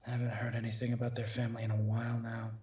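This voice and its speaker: A man's husky, mid-range voice stays monotone as he portrays a werewolf detective boyfriend, protective and worried, in an intimate roleplay audio drama. Sounding concerned, he speaks softly and reassuringly, with hesitant pauses.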